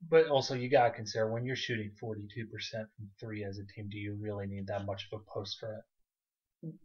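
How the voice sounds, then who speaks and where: A man co-hosting a casual sports podcast, offering calm, measured counterpoints. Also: fairly low pitch. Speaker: podcast co-host. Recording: dull lo-fi podcast audio.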